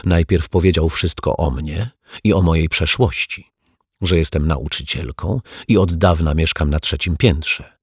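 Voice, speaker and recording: A man's voice: very deep voice, slightly rough, no echo, clean studio sound, heavily acted. A man voicing a prim, touchy middle-aged female teacher who talks defensively and earnestly in an audiobook. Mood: insistent. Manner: defensive, earnest, dramatic pauses. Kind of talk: audiobook character voice.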